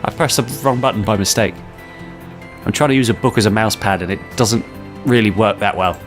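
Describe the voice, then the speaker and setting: A man's voice: fairly low pitch, brisk. A man casually commenting on his own gameplay with self-deprecating asides. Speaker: game player. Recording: faint game music behind.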